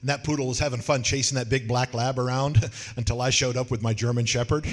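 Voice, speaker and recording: A man preaching a sermon in a folksy, joking way, telling animated stories. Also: mid-range voice, fast talker, big-room sound. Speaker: pastor.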